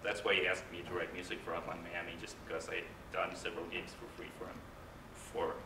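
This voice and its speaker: A man giving a casual conference talk, halting and hesitant with frequent restarts. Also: low-pitched, monotone. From Norway. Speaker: conference speaker, game composer. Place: large conference hall. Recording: echoey hall, distant mic, room noise.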